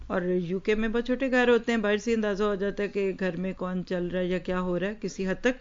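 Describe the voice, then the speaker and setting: A woman's voice: mid-range voice, steady tone, clear, resonant tone. Woman giving a storytelling religious talk. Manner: storytelling with rhetorical questions to listeners; mixes English words into Urdu. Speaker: religious teacher. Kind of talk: Islamic lecture to an audience. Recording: dull lo-fi recording.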